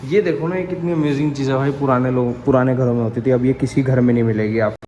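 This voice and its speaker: A man's voice: medium pitch, fairly even intonation, fast talker, warm tone, slight background noise. A young man casually showing viewers around the empty old house he grew up in, chatting to them like friends. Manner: chatty, addresses viewers as bhai. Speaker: vlogger. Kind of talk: casual home tour vlog.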